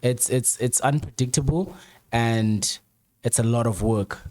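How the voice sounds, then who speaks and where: A man's voice: mid-range voice, unhurried, darkish tone. A man, a guest on a casual chat show, talking emphatically in slang and often repeating or restarting his phrases. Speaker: guest, camera operator.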